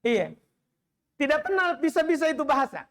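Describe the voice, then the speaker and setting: An Indonesian male Islamic teacher gives a study lecture in a mosque with an extremely high-pitched voice at a brisk pace. Lively and teasing, he keeps tossing rhetorical questions at the audience and then answers them himself.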